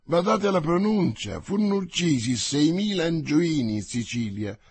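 A guarded musketeer officer who gives little away, as a man reads him. His voice sits low and husky, recorded close and dry. He speaks in a restrained, measured way. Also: dry recording. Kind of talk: audiobook character voice.

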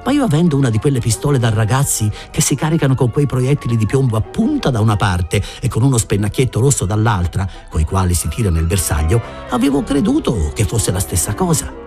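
A man reading a first-person story aloud, expressive and giving voices to the characters. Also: medium pitch, fairly quick, hardly any pauses, music in the background. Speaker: audiobook reader.

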